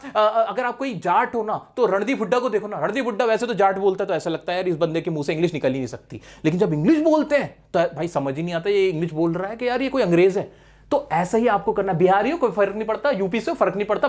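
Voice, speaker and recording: A man's voice: high-pitched, lively intonation, quick pace. A young man with an Indian accent teaching spoken English in a casual, direct way, talking straight to his viewers. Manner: chatty, direct, addresses viewers as brother. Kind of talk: casual classroom-style lesson.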